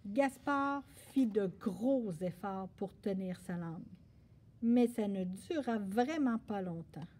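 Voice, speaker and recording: Slow, expressive husky woman storyteller. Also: mid-range voice. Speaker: library storyteller. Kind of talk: children's story hour reading.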